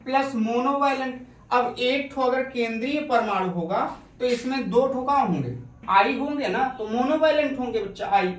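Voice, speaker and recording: A man's voice: very high-pitched, normal speed. A male chemistry teacher coaxing his pupils through a lesson, asking questions and answering them himself. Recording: echoey room, recorded from a distance.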